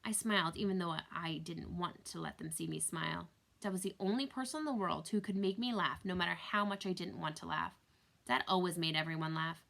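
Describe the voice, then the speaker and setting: A young woman reads a children's novel aloud with a bright, clear tone and a touch of gravel at the ends of her phrases. She gives each character a lively voice of its own. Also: lowish voice, fairly quick. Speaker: reader.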